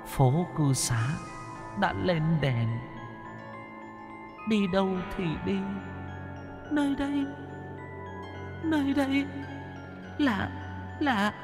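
Male narrator as dying little girl: faint, breathy, slow sung lullaby. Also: on the high side, in a large hall, pitched above the performer's own voice, full character voice.

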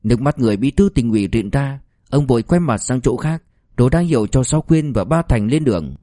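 A man narrating an audiobook in a steady storytelling manner, shifting into character voices. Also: mid-range voice, a little fast, no echo, clean studio sound.

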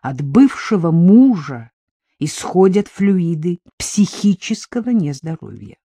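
A woman narrating an audiobook in a calm, measured way. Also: fairly low pitch, breathy edge, no echo, clean studio sound. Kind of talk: scripted narration.

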